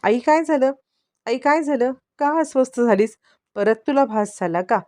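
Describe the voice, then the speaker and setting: A woman's voice: lively intonation, normal speed, no room sound, studio quality, natural voice. A woman voicing a scheming young woman who feigns innocence, whiny and pleading. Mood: pleading fake. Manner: whiny, pleading, high-pitched.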